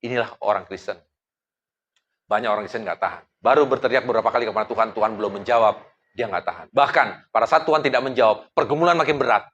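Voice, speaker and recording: A man preaching a sermon, firing questions at his congregation and swinging between loud emphatic calls and quiet, low passages. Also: fast, dull audio. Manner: addresses the congregation with call-and-response questions.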